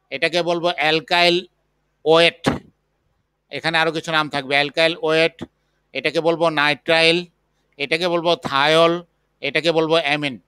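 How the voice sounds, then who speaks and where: A man teaching a chemistry class, slowly dictating the material. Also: a little high, pushed and bright, smooth, no room sound. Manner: slow, patient dictation. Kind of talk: classroom lecture.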